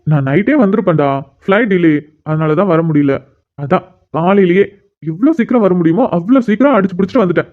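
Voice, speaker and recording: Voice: mid-range voice, narrow, tinny audio, lightly acted. A performer voicing a caring older brother who teases and comforts his sister, in a cartoon. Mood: reassuring. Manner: teasing, reassuring, quick. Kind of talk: cartoon voice acting.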